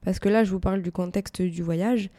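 In an air-conditioned indoor room, a podcast host with a head cold muses aloud, hesitating often as her personal monologue wanders. She talks briskly in a mid-range, dark-toned voice with fairly even intonation and no echo.

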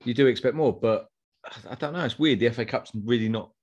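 A man's voice: medium pitch, fast, darkish tone, slightly rough, muffled recording. A man with an Essex accent co-hosting a casual football chat in matey, slangy, colloquial speech. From Essex, England. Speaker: podcast co-host.

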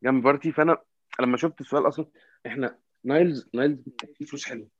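Casting: Egyptian-accented man, quick but halting casual sports talker, dry, slightly muffled lo-fi sound. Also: medium pitch, no room sound. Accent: Egyptian Arabic. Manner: halting, repetitive, often searching for words. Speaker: football fan commentator. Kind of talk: casual football discussion.

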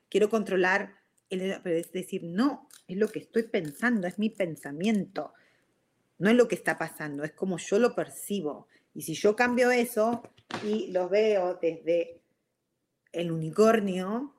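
Rioplatense woman giving an expressive self-help talk. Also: medium pitch. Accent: Rioplatense Spanish. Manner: expressive, restarts sentences, drops English words in; addresses listeners directly with frequent "ok?". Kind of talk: casual motivational talk.

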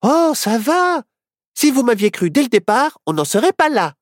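A woman voicing a bold, boastful little girl witch in a storybook, with a high, excited, squealing voice. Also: a little slow, no room sound.

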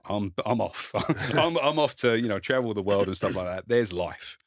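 His voice is lowish with lively intonation at a normal speed, recorded in a clean studio without echo. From Kent and speaking with a south-east English accent close to Essex, the author and content creator swaps personal stories as a podcast guest, casually putting himself down and cursing along the way.

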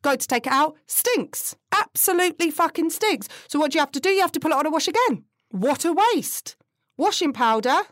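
A woman's voice: sits high, animated, fast talker, no room sound, clean studio sound. A British woman in her early thirties who says her R's like W's, ranting casually and comically with exasperated emphasis and swearing. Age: early 30s. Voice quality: cannot say her R's, which sound like W. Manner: exasperated, emphatic, sweary, repeating words for effect. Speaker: podcast host. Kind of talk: casual comic rant to a live audience.

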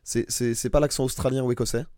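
A man co-hosting a podcast in casual chat, rambling with restarts and getting animated about comedy. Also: mid-range voice, quick pace, clear, resonant tone, no room sound, studio quality. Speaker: podcast co-host.

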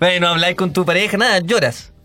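A man's voice: high-pitched, quick pace, bright, forceful tone, faint music behind. A man with a Chilean Spanish accent co-hosting a radio call-in show, reading tweets and questioning a caller playfully. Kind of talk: casual chat, reading tweets.

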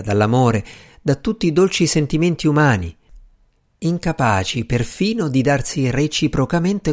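An earnest male servant from an audiobook, careful with every word, as a male narrator puts him on. He speaks slowly, in a measured and solemn tone. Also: medium pitch, darkish tone. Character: earnest, cautious male servant choosing his words.

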